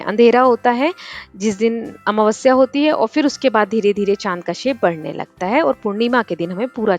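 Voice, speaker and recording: A woman teacher patiently working through a children's worksheet step by step, with examples. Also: a little high. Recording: dull lo-fi voice-over with faint music.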